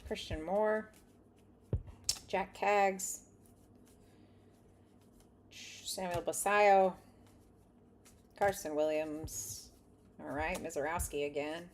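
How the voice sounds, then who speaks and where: A woman with a lowish voice keeps a relaxed running commentary as she works through trading cards. She reads names off one after another in an easy, chatty way. A faint background hiss sits under her voice. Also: very slow, long pauses. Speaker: card collector opening packs. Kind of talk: casual running commentary while sorting cards.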